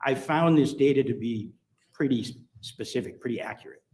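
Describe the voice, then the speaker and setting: A man giving technical expert testimony in court, measured and halting with frequent ums. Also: mid-range voice, darkish tone, a little hiss or hum. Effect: courtroom recording. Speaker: expert witness on phone and vehicle location data. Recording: echoey courtroom audio from a distant mic.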